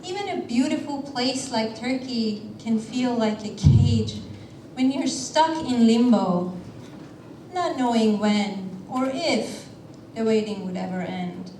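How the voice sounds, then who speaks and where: A woman from Iran telling a personal story on a theater stage in a measured way, with deliberate pauses. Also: a little high, lively intonation, mellow, a little hiss or hum. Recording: roomy theater sound from a distance.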